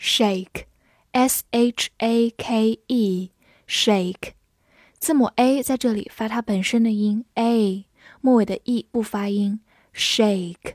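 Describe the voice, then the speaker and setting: A woman teaching English vocabulary, spelling words letter by letter and repeating them slowly for learners. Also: a little high, steady tone, dark tone, no echo, clean studio sound. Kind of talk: vocabulary lesson.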